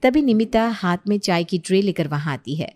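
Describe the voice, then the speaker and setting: A woman's voice: mid-range voice, lively intonation, normal speed, a little mellow. A woman narrating a family story in a storybook style.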